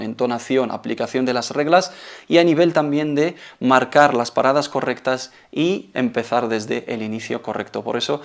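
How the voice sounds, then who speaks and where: Male TV teacher with a gravelly edge, patient and explanatory, drops in Arabic phrases. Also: mid-range voice. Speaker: Quran recitation teacher, show host. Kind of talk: televised religious lesson.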